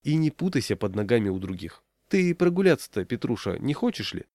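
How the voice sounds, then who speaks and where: A man's voice: medium pitch, big pitch swings, fairly quick, darkish tone, dry recording, studio quality. A man voicing a lazy, scornful wife who drawls her words.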